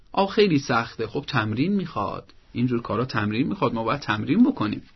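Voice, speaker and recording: Man, parenting advisor, gravelly voice, firm and teacherly, dull lo-fi broadcast sound. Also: medium pitch. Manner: firm, didactic, explains step by step. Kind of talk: advice talk on a broadcast program.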